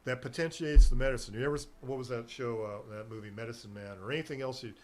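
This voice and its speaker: Speaking quickly in a mid-range voice, this middle-aged herbal nutrition seller is a guest on a local radio show. His casual chat is rambling and meandering, and he laughs easily.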